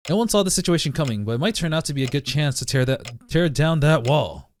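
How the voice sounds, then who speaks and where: A man's voice: fairly high pitch, animated, quick pace, slight background noise. A man reading a visual novel aloud as narration, breaking off now and then to joke about it. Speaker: let's play reader.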